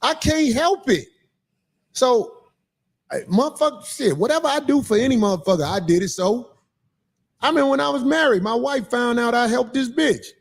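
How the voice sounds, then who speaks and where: A man hosting a livestream, telling stories in casual chat with animated, profane delivery. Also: extremely high pitch, moderate pace, creaky. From Chicago, Illinois. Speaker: livestream host.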